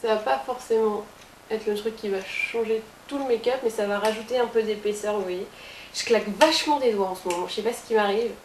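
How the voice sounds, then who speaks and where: A woman's voice: on the high side, brisk. Chatty woman in a roomy room. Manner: chatty, playful asides to viewers. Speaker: beauty blogger. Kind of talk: casual makeup tutorial. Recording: roomy with faint hiss.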